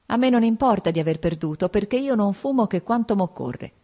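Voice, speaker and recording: A woman's voice: medium pitch, animated, brisk, dark tone, voice pushed up, close to an everyday voice. A woman reading the lines of a small boy who speaks in a plain, matter-of-fact way.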